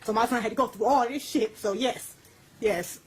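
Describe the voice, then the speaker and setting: A woman's voice: fairly high pitch, normal speed, slightly rough, rough recording. A woman being interviewed, speaking intensely and bluntly, with coarse language and a voice that climbs when she gets heated. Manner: intense, blunt and profane, voice rising as she recounts. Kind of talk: recorded interview.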